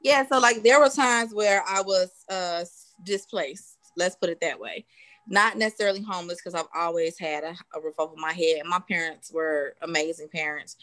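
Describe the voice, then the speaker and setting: Woman in her late thirties, lowish voice, interview guest, steady and matter-of-fact, lots of "um"s. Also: normal speed. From South Side of Chicago. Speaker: real estate consultant.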